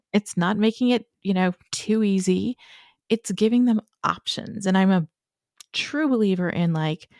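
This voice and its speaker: A woman's voice: medium pitch, darkish tone, no echo, studio quality. A woman who works as an educator, talking as a podcast guest in an earnest, emphatic way and often checking in with "right?". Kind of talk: podcast conversation.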